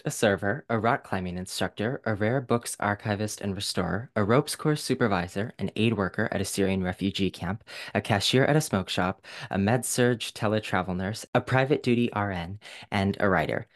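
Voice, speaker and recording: A man hosting a book podcast in an enthusiastic, joking, hype-filled way. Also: lowish voice. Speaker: podcast host. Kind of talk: upbeat podcast interview.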